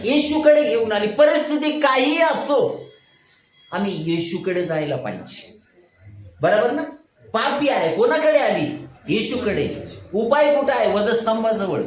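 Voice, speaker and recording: His voice is very high and animated, the pace measured, as this pastor conducts a call-and-response Bible study. He fires questions at the congregation, answers them himself, and keeps repeating "right?", all in an echoey room with background noise.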